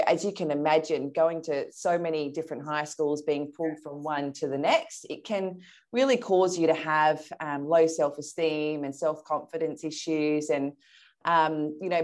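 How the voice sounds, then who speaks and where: Speaking at a normal speed with a low voice and fairly even intonation, this Australian woman in her early thirties, from Perth, shares her personal story as an interview guest. She comes across as candid, self-assured and conversational.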